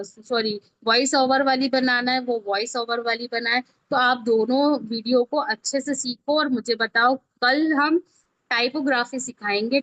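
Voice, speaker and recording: A woman with an Indian accent teaches video editing in a casual, step-by-step online tutorial, often checking that her learners are following along. Her voice is a little high with a fairly bright tone, and there's no room sound, though the online class audio is dull and lo-fi.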